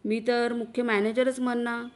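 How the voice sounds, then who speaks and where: A woman's voice: a little high, flat delivery, moderate pace, natural voice. A boastful, self-assured husband who coaxes his wife with big promises, read by a woman narrator in her plain voice. He sounds confident and persuasive in this storybook reading. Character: boastful husband, middle-aged man, smooth talker.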